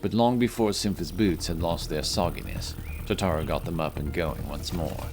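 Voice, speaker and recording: Over background music, a man narrates a scripted fantasy story for an audio drama, speaking at a normal speed in a low-pitched voice.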